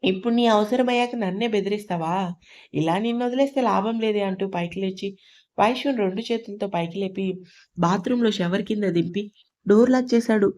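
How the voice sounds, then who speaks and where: Female narrator for an audio romance; warm, mellow tone, carries all dialogue herself. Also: mid-range voice, fairly quick. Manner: reads all characters' dialogue in her own voice. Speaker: storyteller.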